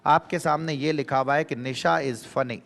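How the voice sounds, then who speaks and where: A man teaches an exam-prep grammar lesson, his voice sitting a little high. He talks in an animated way, repeating key phrases and quizzing his students. The sound carries a long reverb, as if in a hall. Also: normal speed, creaky.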